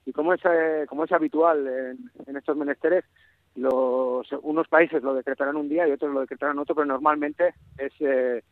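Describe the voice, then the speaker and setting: A male correspondent calling in on a thin phone line with no bass, his voice muffled by a face mask, talking casually with many restarts. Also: no echo. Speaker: foreign correspondent. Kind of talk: casual live call-in chat. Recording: dry, tinny phone line.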